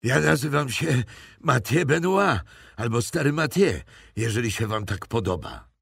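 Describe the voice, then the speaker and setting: A man's voice: mid-range voice, expressive, measured pace, vocal fry, fairly bright tone, husky, dry recording, clean studio sound, voice pushed up, exaggerated voice. A man reading an audiobook, voicing a rambling old male French poacher with a raised, strained old voice and a grumbling, folksy way of talking. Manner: grumbling, rambling folk philosophy. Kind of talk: audiobook character voice.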